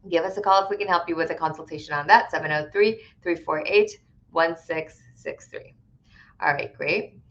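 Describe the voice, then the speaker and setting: A woman's voice: deep voice, moderate pace, fairly bright tone, lo-fi sound. A woman immigration attorney answering viewer questions on a live stream in a conversational, explanatory way, with frequent "right?" tags and filler words. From Connecticut, USA.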